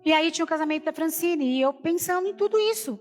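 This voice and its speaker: A woman's voice: very high-pitched, quick pace, big-room sound, faint music behind. A woman preacher giving an emotional personal testimony in a sermon, retelling the story with many repeated quotes, speaking Brazilian Portuguese. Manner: storytelling, repeats "falei assim".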